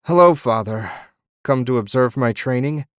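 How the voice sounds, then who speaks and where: In an audiobook, a man voices a sardonic, smug young nobleman who is a wizard, pitching his mid-range voice above his own natural register while staying close to everyday speech. Intonation is lively and speed normal, recorded in a clean studio with no room sound.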